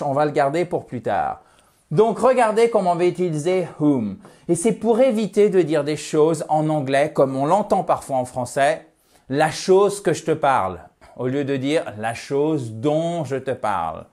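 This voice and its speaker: A man teaching a lively lesson, often slowing to repeat words and model how they sound. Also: a little high. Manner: animated, repeats words slowly to model pronunciation. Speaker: English teacher.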